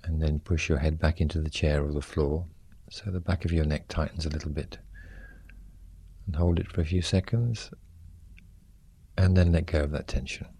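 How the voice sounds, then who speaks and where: A man leading a guided muscle relaxation exercise, giving gentle, soothing instructions in short, unhurried phrases. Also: rumbling low, steady tone, husky.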